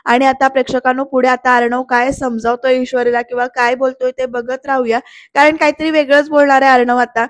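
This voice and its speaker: Brief: female reviewer, chatty voice-over recap, high and fairly even delivery. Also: fairly quick, no echo, studio quality. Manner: chatty, addresses viewers directly. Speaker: serial episode reviewer. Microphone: close voice-over mic.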